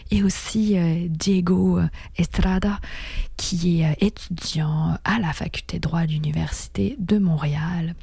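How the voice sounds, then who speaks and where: A woman hosting a radio talk show, speaking slowly and hesitantly with many pauses and fillers. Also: lowish voice, gravelly, warm tone, husky, dry recording. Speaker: radio host.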